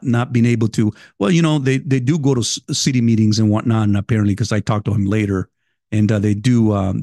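A man's voice: medium pitch, darkish tone, dry recording, studio quality. A man in his fifties from El Salvador with a Salvadoran Spanish accent, hosting a podcast in a loose, chatty monologue, swearing casually and talking straight to his listeners. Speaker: podcast host. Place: at a desk by his computer.

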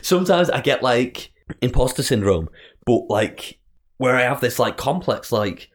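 A man's voice: mid-range voice, expressive, a little slow. A man co-hosting a podcast in casual, bantering conversation. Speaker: podcast co-host.

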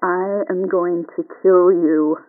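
A woman's voice: fairly low pitch, fairly even intonation, takes it slowly. An actress playing a threatening woman caller, heard over a speakerphone, cold and insistent. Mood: menacing. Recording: tinny phone line.

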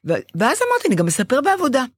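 An older woman talks in a bright, animated way, her pitch swinging widely as she acts out her own past words. Her voice is close and dry, with no room sound around it. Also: husky, no room sound. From Israel. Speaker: podcast co-host. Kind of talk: casual chat.

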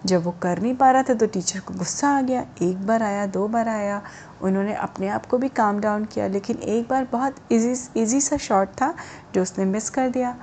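A woman's voice: mid-range voice, moderate pace, a little hiss or hum. A woman telling a story to children, speaking to them directly and expressively. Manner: expressive, addresses listeners as children.

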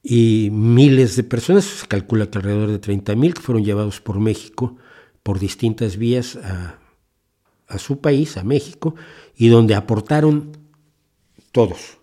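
Man in his sixties, podcast host, dark mellow voice, impassioned opinion monologue, frequent restarts. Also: on the low side, measured pace. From Mexico.

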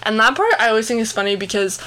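A young adult woman co-hosting a casual chat show, talking freely with lots of "like" and quick impressions of people. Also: a little high, crowd noise. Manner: chatty, full of "like" and bits of mimicry. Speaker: podcast co-host. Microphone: headphones, on camera.

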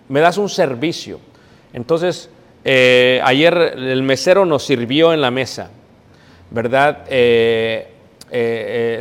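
Preacher teaching in an echoey hall. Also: male voice, medium pitch. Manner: teaching, explanatory, many fillers. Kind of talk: sermon. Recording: echoey hall with long reverb.

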